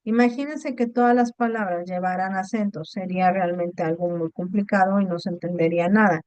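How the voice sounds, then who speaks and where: A woman's voice: medium pitch, brisk, darkish tone, smooth, no echo. A woman teaching an online class, explaining patiently and checking in with her students often. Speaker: online course tutor. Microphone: video call.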